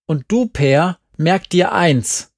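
A man's voice: on the high side, animated, slow, no room sound, clean studio sound, pitched above the performer's own voice. A man voicing a stern, commanding middle-aged mother who scolds sharply and with contempt. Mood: scolding.

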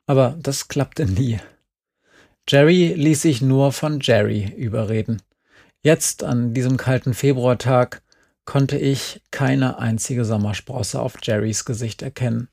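A man reading a novel aloud in calm, subdued narration. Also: medium pitch, unhurried, creaky, breathy edge. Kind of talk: scripted audiobook narration.

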